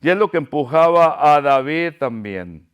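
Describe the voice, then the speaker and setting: A man's voice: a little high, lively intonation, unhurried, clean tone. A male pastor preaching a sermon, fervent and pleading, repeating his phrases.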